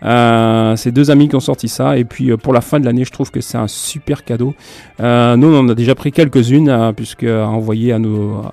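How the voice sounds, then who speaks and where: Mellow-voiced man hosting a radio show. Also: medium pitch, steady tone, moderate pace, gravelly, no room sound. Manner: chatty and self-mocking, chuckles at himself. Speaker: radio host. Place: radio studio. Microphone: studio microphone.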